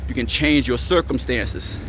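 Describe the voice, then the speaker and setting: A man's voice: medium pitch, unhurried, noisy background. A man giving a blunt, confrontational motivational rant as a vlogger, hammering the same points over and over in a preachy way.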